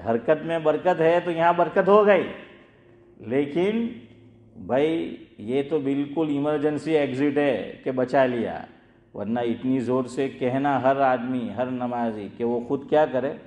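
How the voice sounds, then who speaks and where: A medium-pitched, darkish voice carries through a reverberant room as an Islamic scholar gives a talk in a conversational sermon style. He puts questions to those listening and restates the key ideas.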